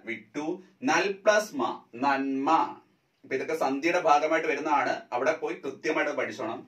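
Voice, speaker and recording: Guy teaching exam prep, kinda high voice, slow careful drilling, echoey room. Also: distant mic. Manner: slow, drawn-out drilling of word parts.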